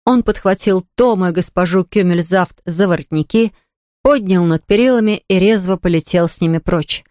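A woman's voice: fairly low pitch, normal speed, darkish tone, dry recording, clean studio sound. Woman reading a children's story. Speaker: audiobook reader. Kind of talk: scripted storybook narration.

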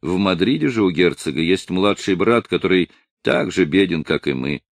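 A man's voice: low-pitched, animated, moderate pace, dry recording. A man doing a proud, stern old father. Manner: stern, indignant.

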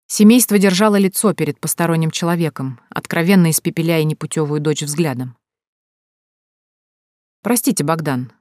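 A woman reading a novel aloud in a steady, even narrative style, recorded dry and close. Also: deep voice, fairly quick, hardly any pauses, no echo. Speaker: audiobook narrator.

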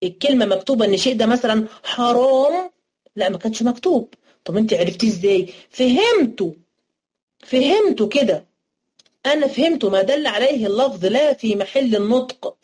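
A woman's voice: a little high, animated, brisk, a little mellow, breathy edge. A woman with an Egyptian accent teaching a jurisprudence class, explaining terms step by step and answering her own questions. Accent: Egyptian Arabic. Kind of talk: interactive religious studies lesson. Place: online class recording.

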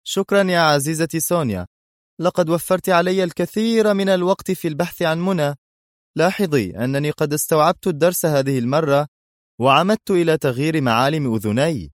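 A man reading a story aloud, voicing a calm, cold and sarcastic male spy hero. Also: medium pitch, moderate pace, dry recording, clean studio sound, pitched above the performer's own voice, close to an everyday voice.

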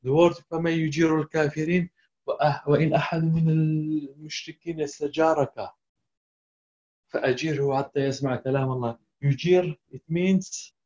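A man's voice: fairly high pitch, steady tone, darkish tone. Man teaching verses in a dull lo-fi recording. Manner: recites verses then asks students word meanings; halting, non-native English with restarts. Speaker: Quran tafsir teacher. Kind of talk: teaching a class, mixing English and Arabic.

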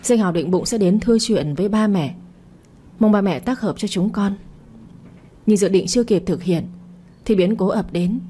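A frightened young daughter in an audio story, apologetic and pleading, voiced by a woman narrator. The voice sounds soft and breathy, with a warm, mellow tone. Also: mid-range voice, close to an everyday voice.

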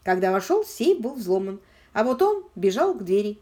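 A woman doing a suave, haughty gentleman crook. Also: medium pitch, big pitch swings, moderate pace, natural voice. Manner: suave, ingratiating. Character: smooth, haughty aristocratic male impostor.

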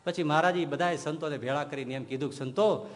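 Swami preaching in an echoing hall. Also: male voice, a little high, fast. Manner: animated storyteller who acts out quoted saints. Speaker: swami giving a religious discourse. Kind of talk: storytelling sermon. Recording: long hall reverb.

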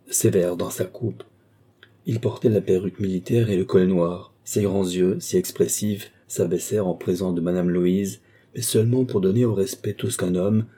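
A man reading a classic novel aloud as an audiobook narrator, measured and expressive. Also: low-pitched, breathy edge.

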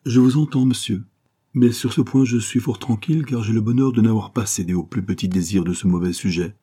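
A man's voice: on the low side, fairly quick, dark tone, breathy edge. A man voicing a spirited, indignant young Venetian woman who speaks in a fiery, defiant way. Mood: calm, firm.

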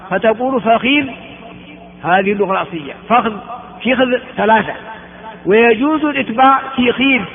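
A man from Ethiopia giving a classroom lecture on religious texts, repeating words and asking rhetorical questions of his students. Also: sits high. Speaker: religious teacher. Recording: phone-like sound in an echoey hall.

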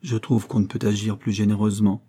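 Dude doing a shy bookish young girl in an audiobook, soft and begging, husky low voice under it. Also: level tone, a little fast. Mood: timid. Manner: shy and pleading, gentle. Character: timid, polite, bookish young woman.

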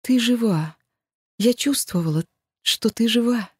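A woman's voice: on the high side, lively intonation, measured pace, darkish tone, slightly rough, no echo, studio quality, pitched above the performer's own voice. A woman voicing a grieving noblewoman in an audiobook, trembling and pleading. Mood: tearful. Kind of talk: audiobook reading.

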